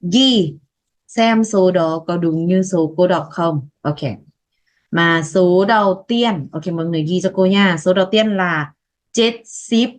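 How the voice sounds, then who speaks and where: A woman teacher giving a language lesson, saying each word slowly and twice so students can repeat it. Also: lowish voice. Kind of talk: slow language lesson, repeating words for practice.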